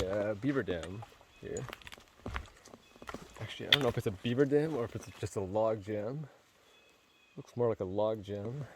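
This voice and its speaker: A solo hiker films a casual vlog in the forest, talking to his camera while tired and sore, cursing and padding his rambling with fillers. He has a fairly low voice, with slight noise behind it.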